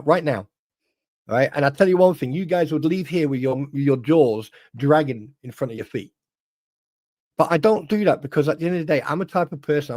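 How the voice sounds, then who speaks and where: A man's voice: on the high side, a little mellow. A man hosting a casual livestream chat, emphatic and swearing, with many restarts.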